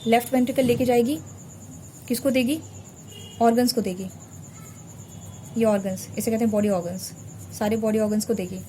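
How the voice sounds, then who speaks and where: A woman with a fairly high but mellow, warm voice runs a biology revision lesson. She draws as she talks and patiently repeats each key term to drill simple memory tricks. A faint hiss sits behind her. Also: fairly even intonation, fairly quick, long pauses. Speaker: biology teacher. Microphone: recorded while drawing a diagram on a board.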